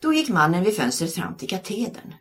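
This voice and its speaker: A woman reads a children's novel aloud in an expressive storytelling way. Her voice sits low for a woman, yet it rises and falls widely as she tells the story. The reading is steady and engaged. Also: soft background music. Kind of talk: audiobook narration.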